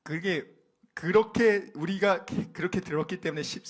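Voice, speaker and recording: A man preaching a sermon in a church, animated and dramatic, often acting out dialogue as he teaches. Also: sits high, moderate pace. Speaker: pastor. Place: church sanctuary.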